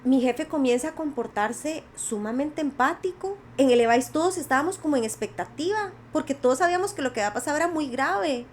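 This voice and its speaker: Woman, high voice, telling her story w/ lots of feeling, does the other people's voices, faint hiss behind. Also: animated, brisk, few pauses. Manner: vivid retelling, acts out quoted voices. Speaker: podcast guest, doctor. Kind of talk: emotional personal storytelling.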